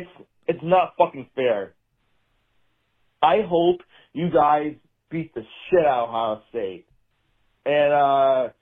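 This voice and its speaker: A man leaving a voicemail for a sports show, ranting casually with a lot of swearing and rambling. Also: on the high side. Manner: profane, exasperated, rambling. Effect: played voicemail message. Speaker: voicemail caller. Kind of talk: casual rant. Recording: tinny phone voicemail.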